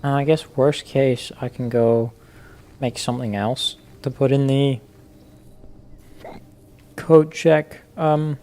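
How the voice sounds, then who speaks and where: A man's voice: mid-range voice, steady tone, measured pace, a little mellow. A man giving casual let's-play commentary, thinking aloud with many fillers and restarts. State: hiccuping. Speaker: gaming YouTuber.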